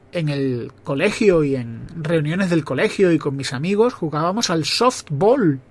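High-voiced Spanish man telling stories. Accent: Spain Spanish. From Spain. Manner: reminiscing, conversational, with self-corrections. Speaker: podcast host. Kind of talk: personal storytelling monologue.

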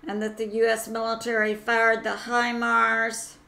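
A woman hosting her own channel, talking through news commentary on her own, pausing often with fillers and correcting herself as she goes. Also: a little high, monotone, gravelly, bright, forceful tone. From United States. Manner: slow, halting, with many "uh" fillers and self-corrections. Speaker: channel host.

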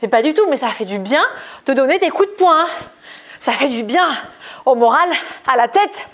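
A high, bright-voiced woman coaching a beginner cardio workout. She talks in quick, upbeat cues and playful asides, counting down and urging her viewers on while she exercises alongside them, a touch breathy. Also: lively intonation. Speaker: fitness coach. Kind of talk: guided cardio workout class.

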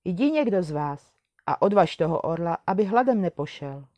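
A woman's voice: fairly low pitch, expressive, mellow, dry recording, muffled recording, natural voice. A woman voicing a kind and brave youngest brother, a young man speaking earnestly and with command, in a storybook reading.

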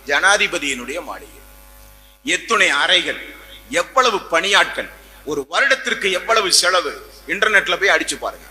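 A man's voice: high-pitched, sharp tone. A man preaching an Islamic sermon, emphatic, repeating phrases and asking rhetorical questions. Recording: long hall reverb.

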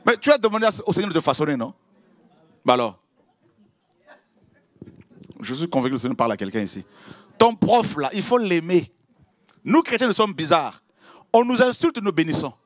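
A man preaching a sermon, acting out prayers and exchanges with God, swinging from loud outbursts to hushed asides. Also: sits high, no room sound. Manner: animated, acts out prayers and dialogues with God.

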